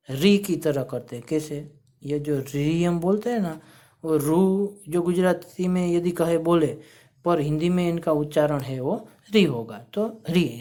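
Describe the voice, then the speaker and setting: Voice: medium pitch, darkish tone. A teacher explaining a school grammar lesson, asking the class questions, answering them, and repeating each example word. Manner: repeats example words slowly, syllable by syllable; checks in with frequent "theek hai".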